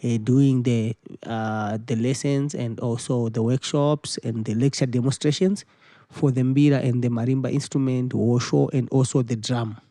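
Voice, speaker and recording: A young man, answering questions about his music. He speaks at a middling pitch, often restarting and repeating words as he finds his phrasing. The recording is dry and close, with no room sound. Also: steady tone, mellow, no echo. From Zimbabwe. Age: 20s. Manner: halting, repeats words while searching for phrasing. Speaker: musician guest. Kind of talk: interview answers.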